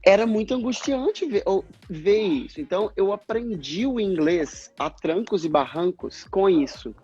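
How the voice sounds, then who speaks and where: A man's voice: high-pitched, expressive, measured pace, darkish tone, slightly rough, highs cut off, soft background music. A Brazilian man, a speech therapist, explaining in a livestream interview and acting out past conversations, with a Brazilian Portuguese accent. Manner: earnest, explanatory, acts out past dialogues.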